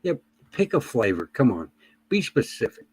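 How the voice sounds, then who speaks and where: Male livestream host, medium pitch, blunt and informal conversational delivery. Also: very animated, normal speed, breathy edge. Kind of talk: casual chat.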